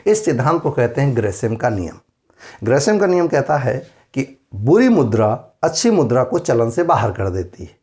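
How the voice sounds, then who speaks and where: A man's voice: on the high side, a little mellow. A male teacher giving an exam-preparation lecture in Hindi, explaining with everyday examples and rhetorical questions.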